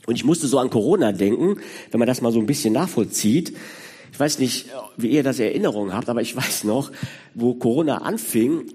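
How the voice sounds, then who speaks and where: Man in his sixties preaching, husky. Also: medium pitch, lively intonation, fairly quick, mellow, in a large hall. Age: 60s. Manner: conversational, addresses listeners directly. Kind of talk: sermon.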